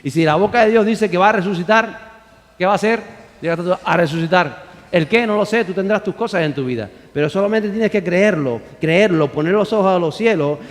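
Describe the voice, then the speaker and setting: A man's voice: high-pitched, fairly quick, big-room sound. A man preaching a sermon as pastor, emphatic, firing rhetorical questions and calling on the congregation to repeat after him.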